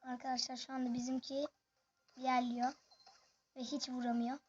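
A gaming video host giving excited, chatty live commentary on a match and talking straight to the viewers. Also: high voice, normal speed, muffled recording.

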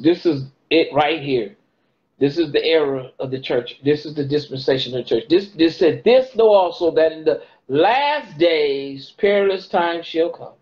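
Middle-aged man preaching scripture, lo-fi audio. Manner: preaching cadence, quotes scripture, rises in pitch on key words. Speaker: bible teacher. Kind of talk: informal bible teaching to camera. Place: small indoor room. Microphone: phone camera held close. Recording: dull lo-fi phone audio.

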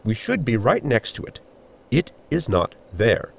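In full character voice, a male actor portrays a deadpan robot servant on a ship for a sci-fi comedy audio drama. The delivery is formal, precise and dry, in a mid-range voice that's a little slow, creaky and husky.

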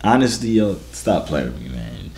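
A man in his early twenties with an American accent and a deep, booming voice, chatting in a laid-back, slangy, teasing way. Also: sing-song, normal speed, darkish tone. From New York, United States. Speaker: vlogger hosting a random video-chat prank. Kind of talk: casual flirtatious chat. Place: garage-like home gym, indoors.

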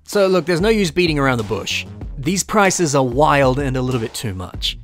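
Over soft background music, a young Australian man vlogs a shopping trip, mulling over what the toys cost in a chatty, opinionated way. He speaks at a normal pace in a sing-song, medium-pitched voice.

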